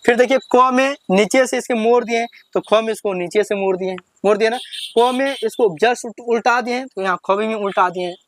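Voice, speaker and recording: A woman teacher, giving a step-by-step lesson for children. She quizzes the listener and then drawls out each syllable slowly. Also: a little high.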